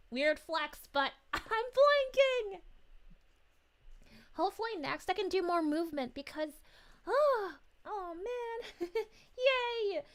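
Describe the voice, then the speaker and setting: Casting: a sweet young cartoon princess streamer, extremely high-pitched, gushing, giggly, cooing, chatty. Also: female voice, heavily acted. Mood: playful, flattered. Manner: gushing, giggly, exclaims with cooing woo-hoos. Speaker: livestream host. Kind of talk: casual livestream chat, reading viewer messages.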